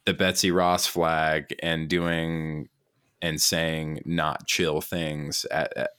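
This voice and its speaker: A very low-voiced man co-hosts a casual podcast. He talks in a loose, laid-back way and keeps saying "dude" and "like". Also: level tone, slow, fairly bright tone, clean tone. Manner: loose, laughing, says dude and like a lot. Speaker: podcast co-host. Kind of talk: casual chat.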